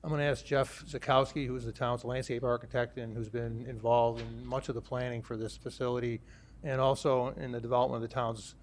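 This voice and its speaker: Man presenting with halting fillers. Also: mid-range voice, little pitch movement, slight background noise. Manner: halting, many fillers, jokey asides. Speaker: town planning director. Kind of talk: public meeting presentation.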